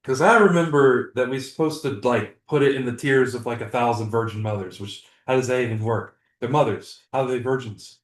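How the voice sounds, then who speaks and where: A man's voice: mid-range voice, brisk, hardly any pauses. A man playing a tabletop game, chatting and asking questions. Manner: chatty, questioning, laughs easily. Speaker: player. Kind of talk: casual chat at a game table. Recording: roomy, distant mic.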